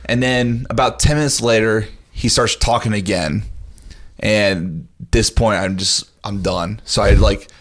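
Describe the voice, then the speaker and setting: A man's voice: on the low side, steady tone, unhurried. A young man on a podcast telling blunt, profane stories in casual chat. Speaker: podcast co-host.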